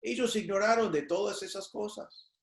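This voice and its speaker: A male pastor preaching a sermon in an animated way, acting out the voices of the people he quotes. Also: high-pitched, normal speed, roomy sound. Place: church.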